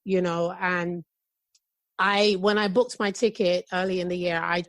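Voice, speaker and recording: A middle-aged woman from England with a London accent touched by Jamaican patois, chatting excitedly and rambling as a podcast guest. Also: on the low side, measured pace, no echo. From United Kingdom. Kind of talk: casual chat.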